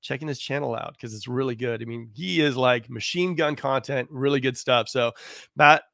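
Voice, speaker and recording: A hoarse man, a real estate agent, talking casually on a live stream in a rambling way full of fillers. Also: medium pitch, a little fast, fairly bright tone, no echo, clean studio sound. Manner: rambling, full of "you know" and "like".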